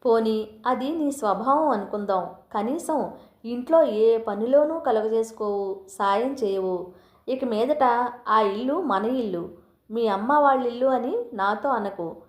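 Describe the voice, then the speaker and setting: A woman's voice: on the high side, measured pace, close to an everyday voice. A woman voicing a stern middle-aged husband who lectures his wife firmly, as in a storybook reading. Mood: firm, lecturing. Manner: firm, instructive. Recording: roomy echo.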